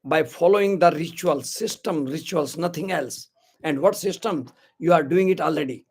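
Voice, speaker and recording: A man's voice: a little high, extremely slow, a little mellow, husky. A man in his sixties with an Indian accent, hosting a live motivational webinar in Hindi and English, upbeat and greeting viewers by name as "my dear friends". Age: 60s. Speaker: webinar host. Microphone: live stream to social media.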